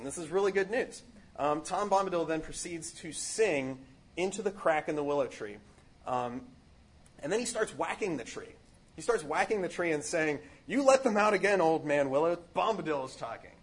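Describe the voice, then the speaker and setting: Earnest man, somewhat higher voice, husky texture, casual rambling spiritual talk. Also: lively intonation, normal speed. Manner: earnest, rambling with fillers and restarts. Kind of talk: casual spiritual reflection on a book.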